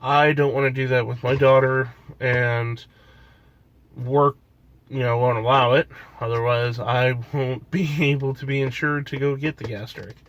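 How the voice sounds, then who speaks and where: A man's voice: mid-range voice, fairly even intonation, a little slow, fairly bright tone. Stuffy-nosed man vlogging casually. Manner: rambling, with many fillers and restarts. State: stuffy nose. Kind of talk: casual vlog chat.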